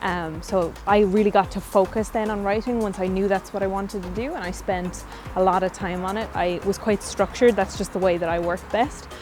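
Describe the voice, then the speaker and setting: A woman's voice: mid-range voice, fairly even intonation, moderate pace, hardly any pauses, music in the background. A young woman with a west of Ireland accent, giving chatty, informal and thoughtful answers as an interview guest. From Galway, Ireland. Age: young adult.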